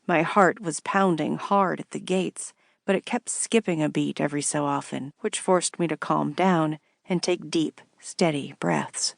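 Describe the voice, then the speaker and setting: A woman reading a first-person novel aloud in a measured, wry way. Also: sits low, fairly even intonation, creaky, no echo, studio quality. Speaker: audiobook narrator.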